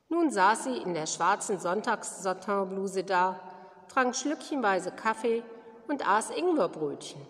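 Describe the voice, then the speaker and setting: A woman reading a story aloud at a church service in calm, even storytelling. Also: mid-range voice. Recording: long hall reverb.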